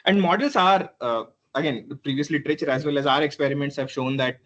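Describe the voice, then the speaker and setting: A man presenting a PhD thesis defense in a halting, hedging academic way, often repeating words and clearing his throat. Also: on the high side, fairly bright tone, muffled recording. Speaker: PhD candidate.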